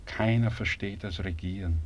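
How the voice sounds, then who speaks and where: An actor playing a condemned revolutionary leader who calms his friend and then speaks of his fate, weary and bitter. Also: sits low, normal speed, highs cut off. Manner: calm and soothing, then wry and bitter. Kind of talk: stage drama performance.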